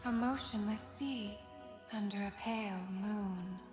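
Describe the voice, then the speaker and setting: A woman voicing a calm, patient lamb spirit of death in a video game, speaking in measured, poetic lines. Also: medium pitch, lightly acted. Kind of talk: dramatic game character dialogue. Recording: music behind the voice.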